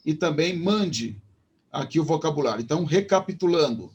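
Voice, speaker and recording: A man's voice: on the high side, lively intonation, slightly rough. A man with a Brazilian Portuguese accent teaching an online Hebrew lesson, explaining step by step with many fillers and restarts. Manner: slows down to pronounce Hebrew words. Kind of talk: online lecture.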